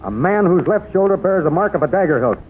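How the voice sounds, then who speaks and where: An American actor playing an earnest cowboy on a vengeful trail in an old radio western. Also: male voice, high voice, expressive, quick pace. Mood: grim, vengeful. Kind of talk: 1930s radio western acting. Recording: tinny old radio recording, faint noise.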